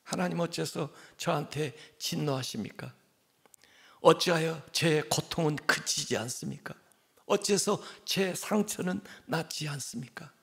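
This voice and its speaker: A man's voice: a little high, a little slow, creaky, fairly bright tone. A man voicing a lonely, pleading prophet. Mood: anguished. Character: lonely grieving male prophet lamenting to God.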